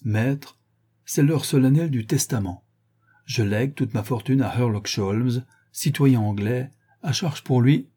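A suave gentleman thief, put on by a male reader, teasing and grandiloquent in a raised, bright-edged tone. The voice stays husky and mellow underneath, full of ironic flourish. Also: mid-range voice, unhurried. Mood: mocking. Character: suave, mocking gentleman thief, adult man.

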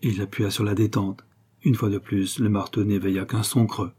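Low, husky male audiobook narrator. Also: little pitch movement, normal speed, mellow. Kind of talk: scripted literary narration.

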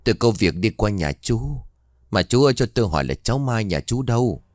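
A man doing a gruff older villager. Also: fairly low pitch, expressive, a little fast, a little mellow, dry recording, studio quality, close to an everyday voice. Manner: gruff, commanding.

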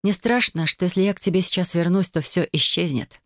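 A male audiobook narrator voicing an anxious, hesitant wife who speaks in a soft, halting voice. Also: high-pitched, dry recording, studio quality, voice pushed up. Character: anxious, hesitant adult woman, the hero's wife. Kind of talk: audiobook dialogue.

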